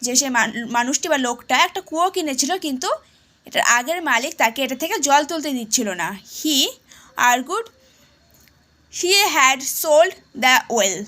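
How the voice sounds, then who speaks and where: A woman teacher with a Bengali accent explaining an English lesson, reading English sentences slowly and then explaining them casually. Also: sits high, lively intonation, pushed and bright.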